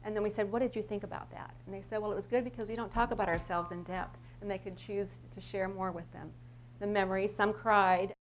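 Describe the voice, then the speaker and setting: An American school principal gives an informal live presentation, telling stories in a rambling, conversational way and often rephrasing mid-sentence. Her medium-pitched voice is steady and a little fast. The live recording carries background noise and hum.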